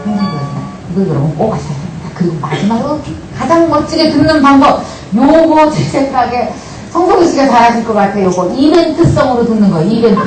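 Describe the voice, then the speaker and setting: Woman lecturer, animated, acts out family dialogues, echoey hall, background noise. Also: a little high. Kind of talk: lively lecture to a live audience. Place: large hall with audience. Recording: echoey hall, distant mic, noisy.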